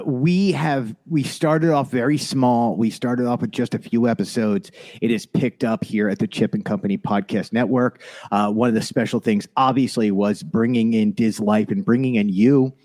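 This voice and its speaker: Man, co-host, mid pitch, casual chat, earnest, a bit halting. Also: darkish tone. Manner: earnest, thoughtful, a little halting. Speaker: podcast co-host.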